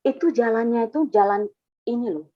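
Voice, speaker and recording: A woman's voice: on the high side, fairly quick. Rambling woman, lo-fi testimony. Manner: rambling, repeats herself, animated when quoting. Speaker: testimony giver. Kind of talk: casual spoken testimony. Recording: dull lo-fi sound.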